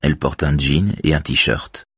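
A man giving a measured, even scripted narration of a novel. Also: very deep voice, husky, no room sound, clean studio sound.

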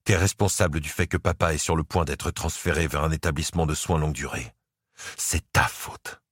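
A man's voice: steady tone, fairly quick, a bit bright, breathy edge, no room sound, studio quality, heavily acted. A man voicing a tired, protective older brother who speaks firmly in an audiobook. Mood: stern. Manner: firm, controlled, low and tired. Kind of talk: audiobook character voice.

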